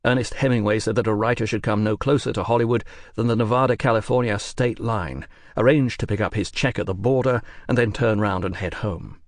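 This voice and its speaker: A man narrating an audiobook in a measured, wry and precise manner, recorded close in a studio. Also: fairly low pitch, fairly even intonation, no room sound.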